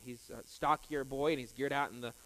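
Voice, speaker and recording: A man's voice: medium pitch, steady tone, brisk, a bit bright, in a large hall, rough recording. A male pastor preaching a sermon, emphatic and repetitive, with frequent hesitations. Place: church sanctuary.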